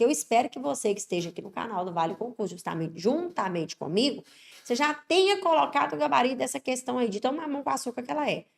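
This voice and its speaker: Brazilian woman teaching with lively emphasis. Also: a little high, creaky. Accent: Brazilian Portuguese. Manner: lively and emphatic, many tag questions. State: congested from an allergic cold. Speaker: Portuguese teacher for exam prep. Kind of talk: online exam-prep lesson.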